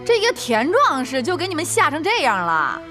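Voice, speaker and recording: An actress playing a stubborn, quick-tempered young warrior wife in a costume drama. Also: female voice, high-pitched, wildly swooping pitch, pushed and bright, soft background music, full character voice. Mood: defiant. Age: young adult.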